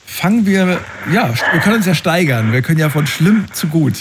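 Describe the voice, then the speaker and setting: A man's voice: a little high, lively intonation, brisk, noisy background. A man hosting a call-in show in a casual, conversational way.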